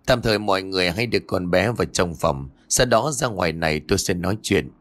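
A man voicing a stern old male exorcist master in an audio ghost story, speaking urgently and gravely. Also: low-pitched, expressive, fast, a bit bright.

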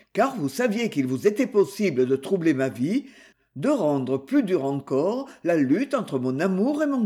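A man voicing an earnest, devout young man in love, slow and solemn. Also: on the high side, warm tone.

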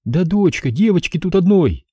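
A man's voice: high voice, animated, normal speed, dark tone, breathy edge, no echo, pitched above the performer's own voice. A man voicing a tearful, worried middle-aged mother who talks in sobbing outbursts. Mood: fussing.

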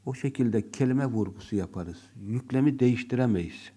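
A man teaching a lesson, speaking deliberately and acting out example sentences. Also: mid-range voice, warm tone, husky. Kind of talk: classroom lesson.

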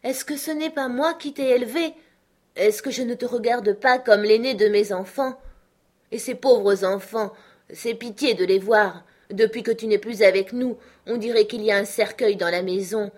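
A woman's voice: on the high side, moderate pace, darkish tone, natural voice. A woman voicing a devoted elder sister and mother of a family, pleading with reproachful questions. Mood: imploring.

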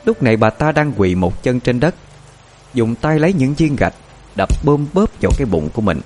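A man narrating a horror story in a dramatic, expressive way. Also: mid-range voice, normal speed, slight background noise.

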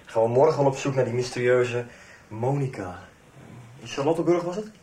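In a radio soap, an actor plays an easygoing, hospitable man who's casual, practical, and matter-of-fact. His voice is medium-pitched, fairly quick, warm, and natural. Background noise and room ambience are audible.

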